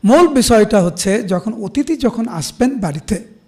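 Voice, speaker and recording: High-voiced Bengali man preaching. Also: animated, a little mellow. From India. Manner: explains with everyday examples, quotes verses in a slow chant-like way. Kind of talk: devotional scripture class.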